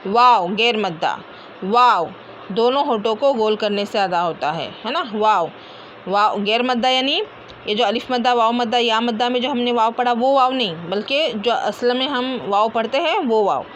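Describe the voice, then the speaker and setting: A woman teacher, slowly drilling letter sounds and repeating each one aloud, often checking with "है ना?". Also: a little high, fairly bright tone, dull audio, a little hiss or hum. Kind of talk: Quran letter pronunciation lesson.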